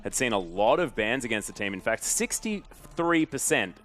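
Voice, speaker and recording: A man doing esports play-by-play as a caster, with an agreeable, brisk broadcast delivery. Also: medium pitch, big pitch swings, fairly bright tone.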